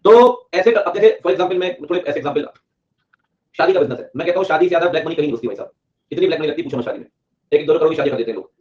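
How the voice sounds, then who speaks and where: A man's voice: a little high, very fast, a little mellow. A man teaching exam students in a live online class, mixing Hindi and English, joking with the class and repeating key points. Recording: dull lo-fi audio.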